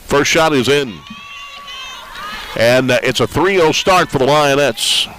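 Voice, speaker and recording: A man's voice: medium pitch, a little slow, a bit bright, some chatter behind, slight background noise, poor audio. A man giving live play-by-play commentary on a college basketball game, folksy and conversational, with frequent "uh" fillers. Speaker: play-by-play announcer.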